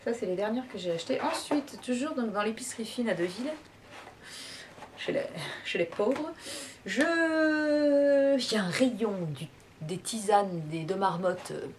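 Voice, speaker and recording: A woman's voice: fairly high pitch, expressive, unhurried. Chatty French woman with faint hiss. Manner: chatty, hesitant, many restarts and fillers. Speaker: tea vlogger. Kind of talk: casual product review chat.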